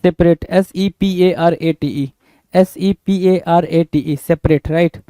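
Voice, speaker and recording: Male tutor, higher voice with a mellow tone, spells words slowly and repeats them, recorded dry and close. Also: steady tone, dry recording. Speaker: teacher. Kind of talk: exam-prep spelling lesson.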